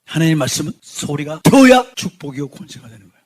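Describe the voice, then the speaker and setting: Fervent, husky-voiced Korean pastor. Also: male voice, a little high, sing-song, fast talker. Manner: fervent, swings from quiet to shouting. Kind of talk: sermon.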